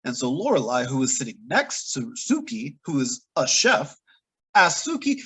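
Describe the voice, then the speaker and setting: A man's voice: medium pitch, very animated, normal speed, sharp tone, husky, low-quality recording. A man hosting a podcast, recapping a TV episode in a casual, chatty way with playful exaggeration. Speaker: podcast host.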